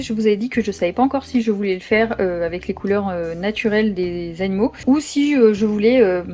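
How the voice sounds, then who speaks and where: A woman chatting casually as she shows her finished coloring pages, with lots of filler pauses. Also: fairly high pitch, dark tone. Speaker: coloring channel host. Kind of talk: casual show-and-tell narration.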